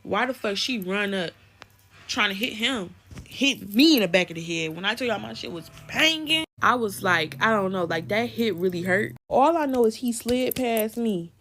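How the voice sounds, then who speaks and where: A young woman recounting a story in a casual vlog, swinging her voice up and down as she acts out each person she quotes. Her delivery is lively and expressive. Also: medium pitch, normal speed, slight background noise. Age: young adult.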